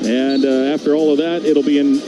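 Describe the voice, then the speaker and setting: Over lo-fi sound, background music, and a very noisy arena full of crowd and game ambience, an American radio announcer calls live basketball. His voice is fairly high and level, and he describes the action fairly quickly in short, clipped phrases.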